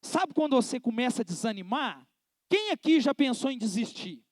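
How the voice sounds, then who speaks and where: A man's voice: very high voice, big pitch swings, normal speed, no echo, clean studio sound. A man preaching a sermon as a pastor, talking in a colloquial, emphatic way and putting direct questions to the congregation.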